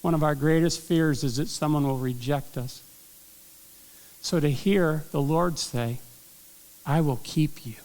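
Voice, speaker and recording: Middle-aged male pastor, fairly high voice, earnest conversational sermon, long reverb of a church hall. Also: measured pace, darkish tone. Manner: earnest, conversational preaching with frequent throat clearing. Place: church sanctuary.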